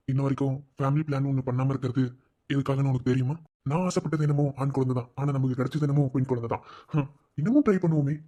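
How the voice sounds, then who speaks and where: A man's voice: mid-range voice, dark tone, slightly rough, natural voice. A man with a Madurai Tamil accent voicing a caring young husband and teasing friend in a cartoon, coaxing and reassuring. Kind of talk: cartoon voice acting.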